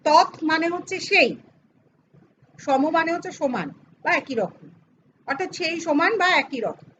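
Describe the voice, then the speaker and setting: A woman's voice: extremely high pitch, lively intonation, moderate pace, a bit bright, lo-fi sound, slight background noise. A middle-aged woman teaching a grammar lesson to students, explaining step by step and asking and answering her own questions. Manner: addresses students informally, teasing aside.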